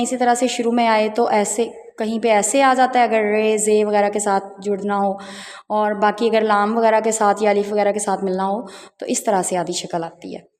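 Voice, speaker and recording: A woman teaching the Urdu alphabet, calmly naming each letter and its half forms one at a time. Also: mid-range voice, big-room sound. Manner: patient, spells out letters one by one. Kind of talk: slow teaching walkthrough of letters.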